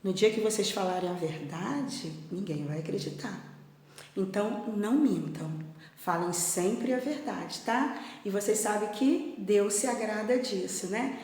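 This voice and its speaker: Expressive teacher telling a story. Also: female voice, mid-range voice, measured pace. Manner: expressive, gentle, asks the children questions. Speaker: primary school teacher. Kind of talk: storytelling for children. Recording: echoey room with long reverb.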